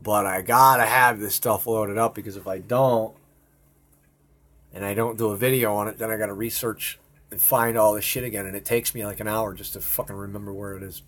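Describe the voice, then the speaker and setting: This man's voice is lowish and brisk as he hosts a home video, sharing his computer screen. He rambles excitably and swears in a casual way throughout.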